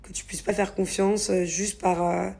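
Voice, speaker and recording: A woman's voice: medium pitch, level tone, normal speed, creaky, warm tone, slightly rough. A woman telling a story in a casual vlog, chatty and rambling with many fillers. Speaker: vlogger.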